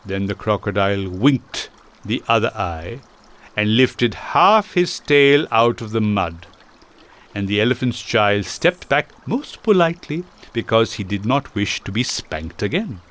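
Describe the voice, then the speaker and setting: Slow animated male storyteller. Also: lowish voice. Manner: slow theatrical animated reading. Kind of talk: dramatic storybook narration.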